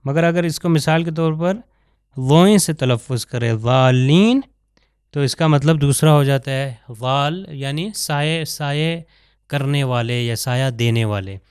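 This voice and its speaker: A man teaching Quran recitation over slides, explaining letters and then slowly drawing out sample verses. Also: a little high, clean tone, no room sound, studio quality. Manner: slow drawn-out sample recitations between explanations. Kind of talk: pronunciation lesson over slides.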